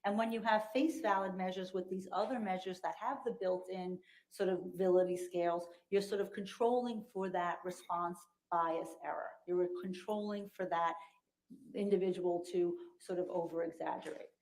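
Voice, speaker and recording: A woman giving expert testimony as a psychologist, explaining in measured, clinical terms, heard through a courtroom recording. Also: on the low side, fairly even intonation, a little mellow, poor audio. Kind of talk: courtroom testimony under questioning.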